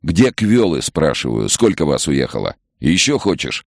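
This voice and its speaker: A man's voice: a bass voice, big pitch swings, moderate pace, creaky, dry recording, studio quality, exaggerated voice. A man voicing a stern, commanding camp officer, harsh and mocking.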